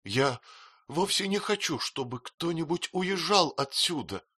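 A gentle, easily frightened young wife speaks in a raised, soft, pleading voice, put on by a man reading the tale. Her lines rise and fall in lively swings, and the tone stays bright. The recording is dry and close. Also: normal speed, no echo. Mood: tearful. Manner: plaintive, pleading, high soft voice.

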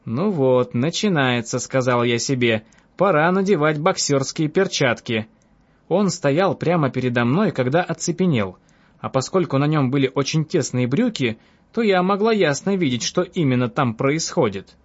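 A sly, self-assured young woman tells her escapade with lively mockery, as a man puts her on. The voice sits fairly high, with a husky grain. The audiobook sound is dull and lo-fi, with faint music underneath. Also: normal speed. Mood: amused scheming. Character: cunning, bold young woman, amused storyteller.

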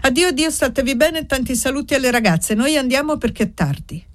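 A woman voicing a hurried young village woman in a read-aloud novel. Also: sits high, animated, voice pushed up.

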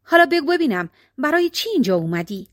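Calm kind tigress in a folk tale, woman reading it, lively up-and-down voice, dry close sound. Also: high voice, no room sound, pitched above the performer's own voice. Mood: kindly. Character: talking mother tiger, calm and kindly.

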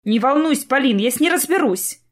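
Casting: woman reading as a spirited, scheming writer, somewhat high and bright, for an audiobook. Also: animated, a little fast. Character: lively scheming woman writer Klara, quick-tempered.

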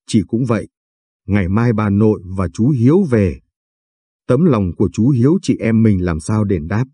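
A man voicing a shy, flustered young woman in her twenties in an audio story, scolding her brother, with a dark, husky voice. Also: fairly low pitch, animated, normal speed, dry recording.

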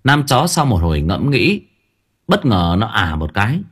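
A man narrating a first-person audiobook story, expressive and dramatic, stammering in tense moments. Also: on the low side, unhurried, husky.

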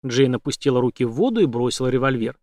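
A man narrating an audiobook in a steady, dramatic reading. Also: medium pitch, quick pace, dry recording. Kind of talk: scripted narration.

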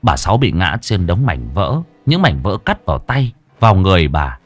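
A man narrating a dark story in a vivid, emphatic storytelling style. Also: deep voice, sing-song, normal speed, faint music behind. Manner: vivid, emphatic, rising with the action. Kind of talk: dramatic horror-story narration.

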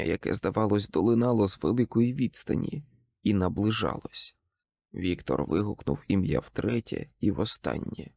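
A male narrator reads a first-person audiobook in a gravelly voice. His pitch moves a lot as he dramatizes the story. The recording is dry and close, with no room sound. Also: dry recording. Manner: expressive, dramatic reading.

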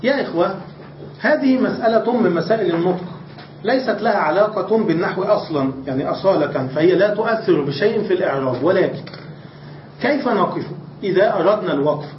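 A man's voice: high voice, lively intonation, quick pace, slight background noise. A man, a religious scholar, giving a classroom grammar lecture, asking questions and answering them himself. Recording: distant, roomy, dull lecture recording.

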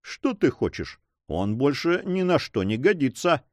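A man voicing a cold, ruthless pirate leader who speaks in an icy, mocking, unhurried way. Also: medium pitch, sing-song, no room sound.

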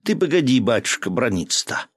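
A man voicing a gruff, domineering governor who barks orders and drinks hard, in a storybook reading. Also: medium pitch, sing-song, fairly quick, no echo, studio quality, pitched above the performer's own voice. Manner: gruff, barking, commanding.

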